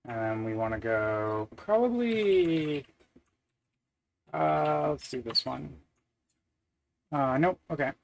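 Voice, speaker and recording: Man, mid-pitched, coding live, muttering fillers, wry asides, faint keyboard clicks. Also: lively intonation, slow, gravelly, long pauses, a little hiss or hum, low-quality recording. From Canada. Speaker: software developer live-streaming. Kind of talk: thinking aloud while coding. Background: keyboard typing.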